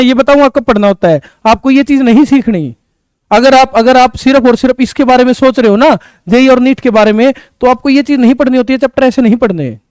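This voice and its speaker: A man's voice: very high-pitched, darkish tone, smooth, dry recording. A man teaching a chemistry class, repeating key words, asking students questions and answering them himself, terms into his speech. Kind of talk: classroom lecture.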